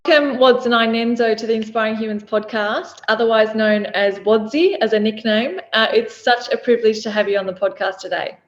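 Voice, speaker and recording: A woman's voice: fairly high pitch, a little fast, few pauses, lo-fi sound. A woman hosting a podcast, speaking earnestly and admiringly as she opens the show and interviews her guest. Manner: earnest, admiring, with some fillers and restarts. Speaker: podcast host.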